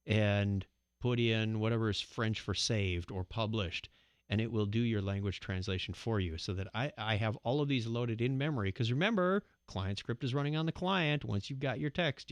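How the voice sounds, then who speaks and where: A man's voice: on the low side, dry recording. A man co-hosting a live coding show, casually thinking aloud as he types and walks through his code. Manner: thinks aloud while typing code, easygoing.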